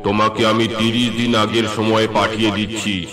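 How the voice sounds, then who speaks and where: A booming, slow, solemn god. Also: male voice, level tone. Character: stern all-powerful god, male, judging the dead. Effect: pitched-down deep voice.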